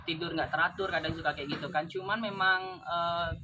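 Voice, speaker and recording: A woman's voice: sits low, fairly even intonation, a little fast, noisy background. A woman guest in a casual interview, chatting at length with many fillers. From mixed Javanese and Sabah Malaysian family.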